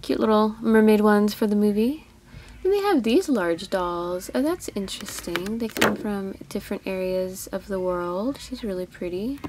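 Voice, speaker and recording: A woman's voice: mid-range voice, expressive, moderate pace, noisy background. A woman vlogging a toy hunt in a store, chatting casually and gushing over each toy she spots. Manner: chatty, easily delighted, gushing over toys.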